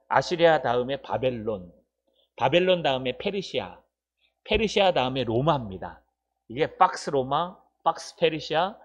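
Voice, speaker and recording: A man preaching a sermon in a church, animated and full of rhetorical questions to the congregation. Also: on the high side. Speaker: pastor. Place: church sanctuary. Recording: dull lo-fi church recording.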